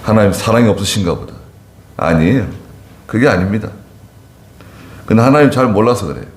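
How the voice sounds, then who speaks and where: Low-voiced pastor preaching in echoey church. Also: male voice, expressive. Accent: Gyeongsang-Chungcheong border dialect roots. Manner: reads scripture then explains slowly, asks congregation questions. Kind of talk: expository sermon. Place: church sanctuary. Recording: roomy church echo.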